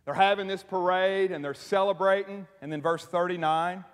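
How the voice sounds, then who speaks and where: A man preaching a sermon to his congregation, animated and joking, tossing in frequent "right?" asides as he talks. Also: high voice, moderate pace, smooth. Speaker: pastor. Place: church sanctuary. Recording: long reverb of a large hall.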